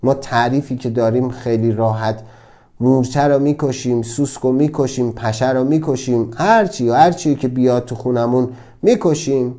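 A man giving a motivational self-help talk, emphatic and full of rhetorical questions, often dropping to a quieter voice. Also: mid-range voice. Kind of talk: motivational lecture.

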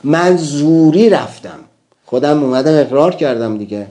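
A man's voice: a little high, expressive, warm tone. A man giving a motivational talk, emphatic and addressing listeners with rhetorical questions. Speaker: motivational speaker.

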